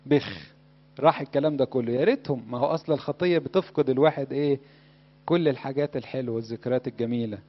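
A man's voice: mid-range voice, rapid-fire. A man with an Egyptian Arabic accent preaching a sermon in a conversational way, often putting questions to his listeners. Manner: conversational, asks the audience questions. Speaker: Coptic preacher. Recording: dull lo-fi recording.

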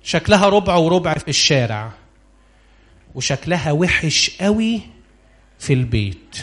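Preaching at a normal pace in an Egyptian Arabic accent, this Egyptian man's voice is high and lively as he questions his congregation and presses them to answer out loud. His sermon is animated, moving between urgent appeals and quiet, low asides.

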